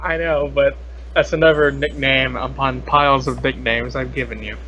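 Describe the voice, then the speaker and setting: Over a noisy internet call, a young podcast host trades casual jokes with a playful, teasing, silly manner. His mid-range voice holds a steady, sharp tone at a moderate pace.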